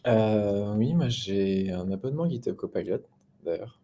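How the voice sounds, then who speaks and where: A man's voice: lowish voice, lively intonation, unhurried, warm tone, husky. A man, a frontend developer guest on a tech podcast, talking hesitantly and candidly about the tools he uses. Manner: hesitant, candid, talks about own tool use. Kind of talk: casual tech panel chat.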